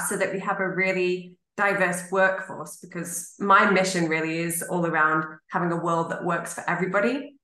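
A woman's voice: lowish voice, bright, forceful tone. A woman hosting a podcast, talking in a reflective, encouraging way in a casual interview. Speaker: podcast host. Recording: roomy echo.

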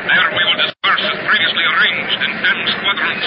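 Muffled old radio sound under loud engine roar carries a ruthless military dictator. He rants declamatory orders to his air fleet in grand 1940s radio-serial style, through a crackling radio. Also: high voice, fairly even intonation, brisk. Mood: commanding, menacing. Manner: ranting, declamatory dictator speech. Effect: crackling aircraft radio.

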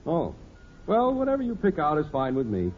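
A man's voice: a little high, huge pitch swings, normal speed. An actor playing an affable, dryly joking father in a 1950s radio sitcom. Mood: wry. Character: wry, easygoing middle-aged family father. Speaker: father of the family. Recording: tinny old radio transcription with hiss.

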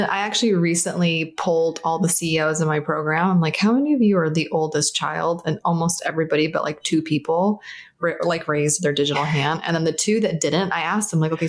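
A woman from South Florida, a founder guesting on a podcast, talking in a candid, animated way and laughing often. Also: on the low side, fairly quick. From South Florida, United States. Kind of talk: casual podcast interview.

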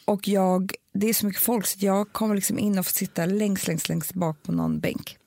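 A mother in a casual, emotional conversation, talking haltingly and repeating words when she gets upset. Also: mid-range voice, fairly even intonation, vocal fry, warm tone, dry recording. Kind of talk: casual chat.

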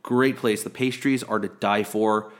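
A man's voice: on the low side, fairly even intonation, unhurried. A man co-hosting a sports podcast in casual chat, rambling and chatty with many fillers and restarts. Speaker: podcast co-host.

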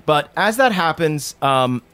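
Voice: medium pitch, animated, a little slow, a bit bright, a little hiss or hum. A game master narrating a tabletop game off the cuff, in a casual, descriptive and slangy way.

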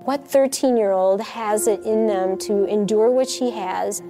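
A woman's voice: medium pitch, unhurried, over music. A woman social worker in an interview, modest and reflective.

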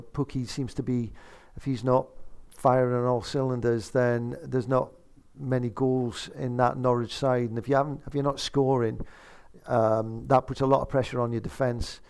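A man's voice: medium pitch, little pitch movement, moderate pace, creaky, hardly any pauses, darkish tone. A man giving conversational football analysis as a pundit, hesitating and repeating words as he thinks.

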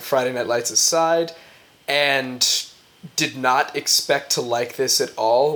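A man co-hosting a podcast gives his opinions frankly and at a measured pace. His voice sits at an ordinary middle pitch. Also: fairly bright tone. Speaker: podcast co-host. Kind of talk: casual podcast discussion.

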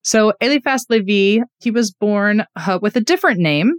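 A woman's voice: mid-range voice, lively intonation, normal speed, no echo, studio quality. A woman co-hosting a podcast, telling a story in a casual, chatty way and often laughing at herself. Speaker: podcast co-host.

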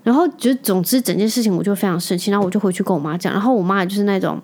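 Racing along at medium pitch with a little mellowness, a mother who hosts a podcast launches into a chatty storytelling monologue. She sprinkles in English words while angrily venting.

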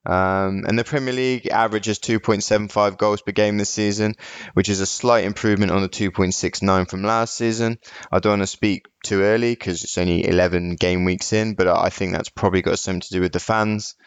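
A man's voice: on the low side, fairly even intonation, brisk, clean tone, dry recording. A man giving football betting tips on a podcast, reeling off statistics with hesitant fillers and self-corrections. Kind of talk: casual podcast analysis.

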